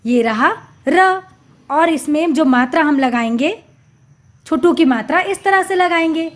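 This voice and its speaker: High-pitched slow woman teaching children. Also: lively intonation. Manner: slow, drawn-out syllables with emphatic repeats; addresses children directly, patient explaining. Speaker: primary school Hindi teacher. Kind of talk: syllable-by-syllable reading lesson for young children.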